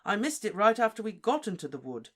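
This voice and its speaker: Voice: medium pitch, sing-song, quick pace, a bit bright, voice pushed up. A reader voicing a teenage boy wizard who speaks plainly and insistently.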